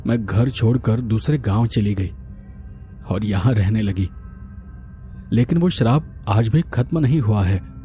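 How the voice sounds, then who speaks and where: A man narrating a horror story in a slow, measured, hushed way. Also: fairly low pitch, soft background music.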